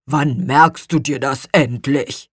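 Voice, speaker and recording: A woman's voice: a bass voice, steady tone, slow pace, slightly rough, dry recording, pitched below the performer's own voice, heavily acted. A woman voicing a grumbling male companion with a dry, know-it-all manner.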